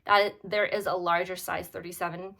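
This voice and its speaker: A woman's voice: on the low side, flat delivery, moderate pace, vocal fry, noisy background. A woman vlogger giving a casual product review, chatty and friendly with many fillers, sounding slightly out of breath.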